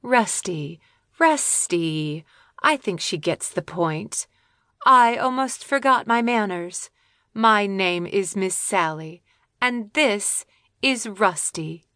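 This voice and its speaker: A woman voicing a kind, motherly female bird in a children's audiobook, gentle and concerned. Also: medium pitch, expressive, takes it slowly, no echo, clean studio sound, exaggerated voice. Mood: soothing.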